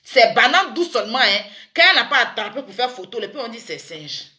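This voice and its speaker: Woman vlogger, fairly high and very bright, teasing, animated, bursts into loud exclamations. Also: fairly quick. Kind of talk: chatty commentary vlog. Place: in France.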